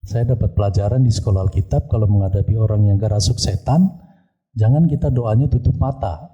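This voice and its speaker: A man's voice: on the low side, fairly quick, dark tone, breathy edge, muffled recording. A male pastor telling a story during a church service, often turning to address the congregation. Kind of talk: sermon testimony.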